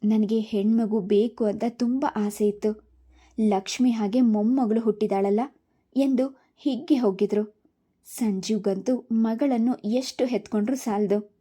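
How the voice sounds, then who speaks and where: A woman narrating a heartfelt family story in the first person, with a calm reading manner. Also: a little high, unhurried, husky.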